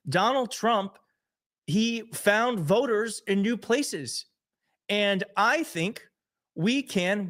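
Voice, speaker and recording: A man's voice: high voice, fairly bright tone. Earnest, emotional young male streamer. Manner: emotional, earnest, self-deprecating. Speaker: show host. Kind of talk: live-stream commentary.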